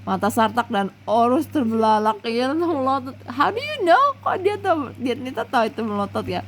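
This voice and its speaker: A woman's voice: on the high side, sing-song, brisk, slight background noise. Playful woman reading a story aloud. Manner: chatty, playful asides to the child. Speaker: mother reading to her child. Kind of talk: storybook read-aloud with asides.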